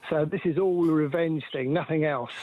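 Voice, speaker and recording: A man's voice: a little high, brisk, phone-quality sound. A man in his sixties from England, calling in to a phone-in show and talking hesitantly with many ums and restarts. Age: 60s. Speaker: caller. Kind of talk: phone-in call.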